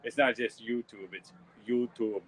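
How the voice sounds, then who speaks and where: A man's voice: medium pitch, steady tone, a little slow, a bit bright, low-quality recording. A middle-aged man with a Minnesota accent, hosting a casual live stream from an outdoor art fair booth and chatting with visitors about his photography. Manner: chatty, rambling, friendly sales talk. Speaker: photographer and YouTube host.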